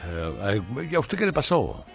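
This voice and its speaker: A man's voice: on the low side, wildly swooping pitch, normal speed, creaky, faint music behind. A man hosting a radio call-in show, greeting callers in a friendly way. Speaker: host.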